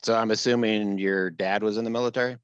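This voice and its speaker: A man's voice: on the low side, steady tone, fast, clear, resonant tone, no room sound, lo-fi sound. A man, hosting a casual podcast interview and chiming in with easy, affirming remarks. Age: 50s. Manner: easygoing, affirming with frequent "right, right". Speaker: podcast host.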